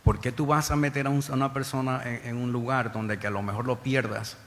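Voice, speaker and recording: Halting middle-aged man testifying in a reverberant hall. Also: mid-range voice, steady tone, fairly bright tone, a little hiss or hum. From New York, Bronx. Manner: earnest, halting, with many repeated starts. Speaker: former federal special agent testifying to a panel. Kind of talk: public testimony. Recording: hall reverb with faint ambience.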